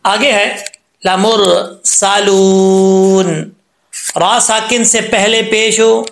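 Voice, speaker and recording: Patient high-voiced male Quran tutor, echoey room. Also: flat delivery, sharp tone. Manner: patient, repeats and drills syllables slowly. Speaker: Quran recitation teacher. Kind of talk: tajweed lesson explaining letter sounds.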